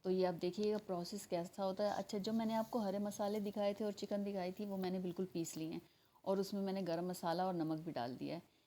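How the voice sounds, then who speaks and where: A woman with a Pakistani Urdu accent hosts a home cooking channel, walking her viewers through a recipe step by step and talking straight to them in a chatty way. Her mid-range voice is mellow and fairly quick, with fairly even intonation. It's a casual tutorial voice-over with slight background noise.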